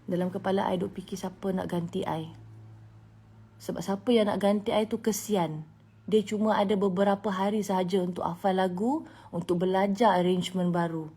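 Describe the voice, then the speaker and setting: A woman in her thirties with a Malaysian Malay accent, telling a personal story in a vlog, emotional and animated, dropping to hushed whispers and rising to loud bursts. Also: mid-range voice, moderate pace, husky. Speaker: singer.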